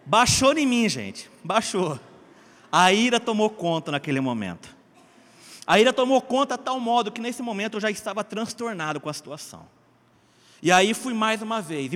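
Um homem brasileiro contando um testemunho em tom de pregação, animado, alternando gritos e murmúrios e chamando os ouvintes de gente e queridos. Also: male voice, sits high, a bit bright, long reverb tail. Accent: Brazilian Portuguese. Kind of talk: sermon-style personal testimony.

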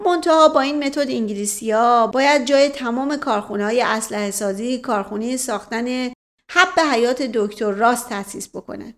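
A woman's voice: fairly high pitch, natural voice. A woman voicing a witty, mischievous middle-aged nobleman who teases in a mock-formal way. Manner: teasing, mock-formal, with a foreign word as a catchphrase.

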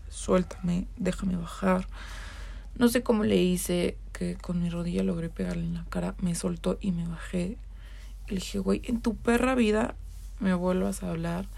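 Podcast guest: Mexican woman, heavy vocal fry, mid-pitched, candid and profane storyteller. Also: darkish tone. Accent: Mexican Spanish. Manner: candid, swears freely, many fillers. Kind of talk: casual storytelling.

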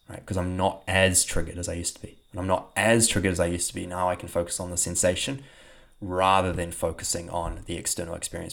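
A young New Zealand-accented man, a podcast host and coach, talks casually in a low, creaky voice with many fillers and restarts, wrapping up in a podcast outro.

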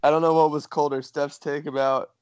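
A man's voice: a little high, little pitch movement, darkish tone, smooth, no room sound, highs cut off. A young man co-hosting a podcast, asking questions and cracking easygoing quips. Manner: easygoing, quick-quipping. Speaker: podcast co-host. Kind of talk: casual chat.

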